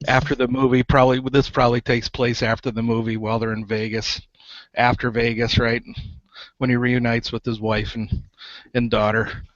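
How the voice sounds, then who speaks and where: A man's voice: medium pitch, little pitch movement, normal speed, no echo. A man chats casually as a player in a tabletop game, joking and chuckling between remarks. His voice sits in a mid range and comes through dry and close. The line is dull and lo-fi.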